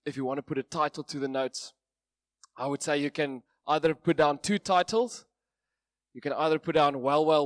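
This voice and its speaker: Man, Afrikaans accent, hoarse strained voice, informal preacher, jokey and self-deprecating, dry sound. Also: fairly high pitch, no room sound. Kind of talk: informal sermon.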